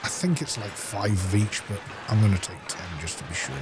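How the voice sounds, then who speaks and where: A game streamer and playthrough host, this man has a lowish, expressive voice and talks fairly quickly over loud background music. His let's-play commentary is casual, informally walking viewers through each step.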